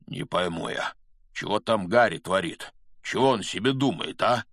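A man voicing a big, gruff but kindly male gamekeeper in an audiobook, muttering in homely rustic speech. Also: low-pitched, animated, normal speed, fairly bright tone, no room sound, studio quality, pitched below the performer's own voice, heavily acted. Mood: puzzled.

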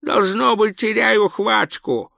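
A man voicing Cohen, a grizzled old male barbarian hero, speaking gruffly and slowly in a storybook reading. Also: sits high, bright, forceful tone, dry recording, clean studio sound, pitched above the performer's own voice, exaggerated voice. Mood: self-reproaching. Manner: gruff, slow, self-reproaching.

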